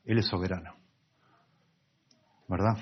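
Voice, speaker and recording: Male pastor, husky, earnest sermon delivery, muffled recording. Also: low voice, steady tone, a little slow. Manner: earnest preaching, repeating key words.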